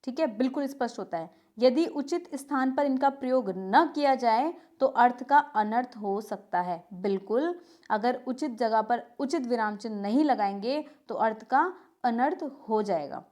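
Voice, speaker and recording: A woman's voice: a little high, animated, normal speed, a little mellow. A woman teaching a grammar lesson to exam students, narrating over a shared screen and often asking a question and answering it herself. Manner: repeats key terms as questions and answers them, says "ठीक है" often.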